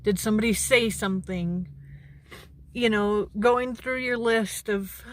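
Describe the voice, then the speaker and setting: A woman sounding anxious and shaken, speaking haltingly and earnestly to camera in a personal vlog. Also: medium pitch, a little hiss or hum. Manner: halting, earnest, with long pauses. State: anxious, shaken during a panic attack. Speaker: mental health vlogger. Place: outdoors beside a parked car.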